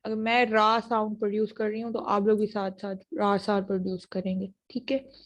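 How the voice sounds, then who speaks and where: A woman with a Pakistani accent giving an online university lecture on phonetics. She checks in with her students often and says each sound she teaches slowly and with care. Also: mid-range voice, level tone. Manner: models sounds slowly and deliberately. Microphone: computer mic for an online class.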